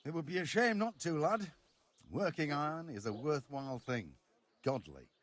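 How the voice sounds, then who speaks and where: A man voices a proud, earthy village blacksmith in a medieval video game, speaking bluntly and folksily with plenty of swearing. His frank, reflective delivery comes in a fairly high, bright voice with lively intonation at a moderate pace, and there's slight background noise.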